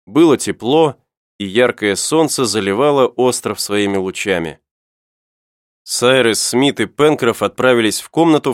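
A man narrating an adventure novel as an audiobook in an even, clear storytelling manner. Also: medium pitch, no room sound, clean studio sound.

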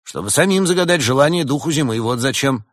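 A man voicing a nervous, suspicious male badger businessman who shouts high and loud, in a storybook reading. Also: expressive, fast talker.

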